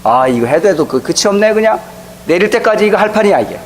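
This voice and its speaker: A man's voice: sits high, big pitch swings, quick pace, slight background noise, rough recording. A middle-aged male pastor preaching a sermon, telling a story and acting out the voices of the people in it. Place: church sanctuary.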